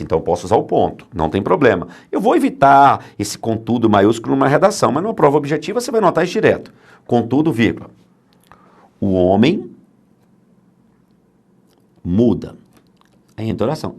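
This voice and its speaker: A man lecturing on grammar in a lively, swooping voice at a mid pitch. He speaks with emphasis and keeps posing rhetorical questions, then answering them himself. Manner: emphatic, asks and answers his own questions. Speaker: Portuguese grammar teacher. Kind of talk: grammar lecture for exam prep.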